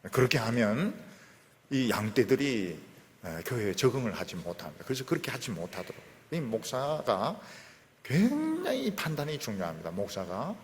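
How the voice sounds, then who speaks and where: A middle-aged man preaching from the pulpit with a lively, up-and-down delivery. He swings from sudden loud bursts to soft, fading line endings, and his voice carries a long reverb from a big church hall. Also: mid-range voice, moderate pace, a little hiss or hum. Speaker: pastor. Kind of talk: sermon.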